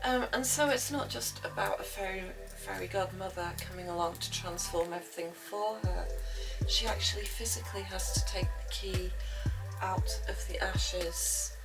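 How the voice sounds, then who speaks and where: A woman giving a slow, reflective spoken lesson on folklore and witchcraft, pausing often with "um". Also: mid-range voice, creaky. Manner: slow and reflective, with frequent "um" pauses. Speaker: witchcraft teacher. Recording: voice from a distance with music behind.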